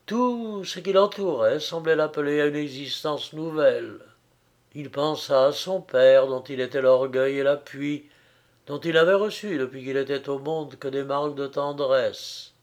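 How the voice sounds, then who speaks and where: Slow, measured male audiobook narrator. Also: a little high. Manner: measured, expressive reading. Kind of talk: audiobook narration of classic fiction.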